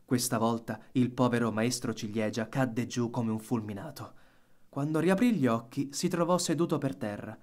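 Reading aloud at normal speed, an expressive male audiobook narrator tells a children's story in a mid-range voice.

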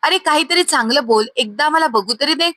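A woman voicing an older uncle who reasons calmly with his sister, in a storybook reading. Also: high-pitched, fairly quick, no room sound, clean studio sound. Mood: coaxing. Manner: reasoning, calming. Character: older uncle, practical and coaxing.

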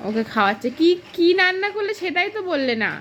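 A woman's voice: extremely high pitch, big pitch swings, fast, fairly bright tone. A young woman at home, playfully coaxing and questioning her toddler in sing-song baby talk. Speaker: mother filming her toddler.

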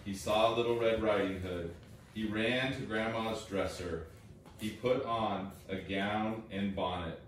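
Male narrator, expressive storytelling, very echoey room, from a distance. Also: on the low side, unhurried. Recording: distant, echoey, noisy home recording.

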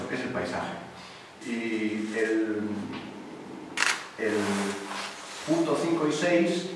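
Older guy from spain lecturing with a stuffy cold, really echoey, far from the mic. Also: mid-range voice. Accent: Spanish from Spain. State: congested with an allergic cold. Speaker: lecturer, university professor. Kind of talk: public lecture. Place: small stone-walled lecture room, seated at a desk. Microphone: distant camera microphone. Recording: echoey, noisy hall from far off.

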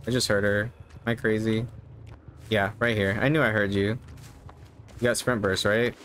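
A man's voice: fairly low pitch, steady tone, moderate pace, fairly bright tone. A man in his thirties giving casual live gameplay commentary, easygoing and musing to himself as he plays. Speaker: game streamer. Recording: clear background game noise. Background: game ambience.

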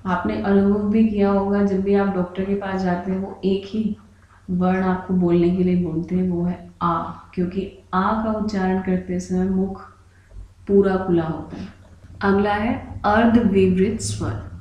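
A woman's voice: mid-range voice, flat delivery, measured pace, muffled recording. A woman teaching a grammar lesson for exam preparation, explaining patiently and spelling out each example. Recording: very echoey room.

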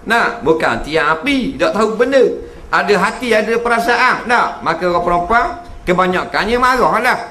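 A man's voice: sits high, animated, moderate pace, bright, forceful tone. A man giving a humorous religious lecture to an audience. He keeps checking in with his listeners and acts out the voices he quotes. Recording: echoey hall recording.

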